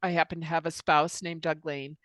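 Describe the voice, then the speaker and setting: A woman's voice: low voice, level tone, fairly quick, fairly bright tone, no room sound. A middle-aged woman co-hosting a casual chat, telling candid, self-deprecating stories and laughing as she talks. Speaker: co-host.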